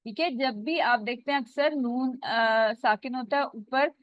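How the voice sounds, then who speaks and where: Speaking on the high side, a woman leads an online class on Quranic recitation rules and breaks them down step by step. Her recitation of the Arabic words is long and drawn out. The audio is dry, dull, and lo-fi.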